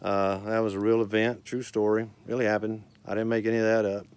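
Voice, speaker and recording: Smooth, low-voiced cowboy storyteller man. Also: flat delivery, darkish tone, dry recording. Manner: folksy, unhurried storyteller. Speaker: cowboy poet and author. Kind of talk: cowboy poetry recital and casual folksy talk.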